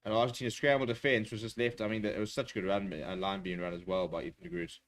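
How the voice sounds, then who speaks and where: A man giving live rugby play-by-play for a watchalong stream, talking quickly with frequent fillers and rising excitement in the action. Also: lowish voice. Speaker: watchalong commentator. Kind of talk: live rugby commentary with chat replies.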